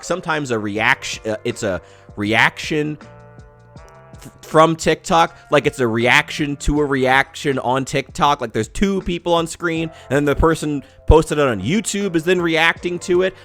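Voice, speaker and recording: A man's voice: on the high side, moderate pace, fairly bright tone, faint music behind. A man in his thirties talking straight to camera in a candid, rambling vlog monologue, swearing freely and poking fun at himself. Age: 30s. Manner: candid, rambling, profane, self-deprecating. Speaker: YouTuber.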